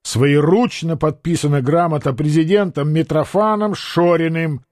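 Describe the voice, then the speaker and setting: Brief: man doing a cool, shrewd merchant, measured and firm, mellow tone. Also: on the high side, no room sound, clean studio sound, close to an everyday voice. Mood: formal. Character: calm, shrewd male merchant.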